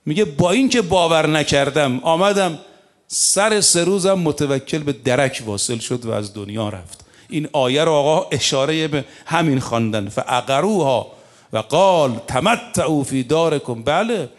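A man delivers a religious sermon in a slightly high voice. He tells stories briskly and slows down to recite scripture in measured Arabic. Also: animated. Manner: recites Arabic verses slowly, then tells stories in fast colloquial Persian. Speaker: preacher.

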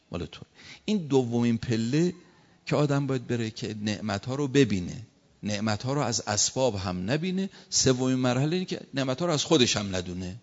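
Lo-fi preaching man in echoing hall. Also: mid-range voice. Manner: preaching with rising emphatic repetitions. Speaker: cleric. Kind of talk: sermon. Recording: lo-fi with long hall reverb.

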